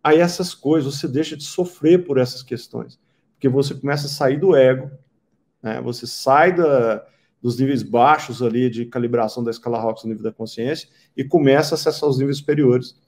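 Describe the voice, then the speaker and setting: A man explaining his teaching calmly, posing questions and answering them himself. His voice sits at a middle pitch and sounds mellow and warm. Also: brisk. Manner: calm explainer with rhetorical questions. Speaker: therapy founder and teacher. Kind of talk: explanatory talk.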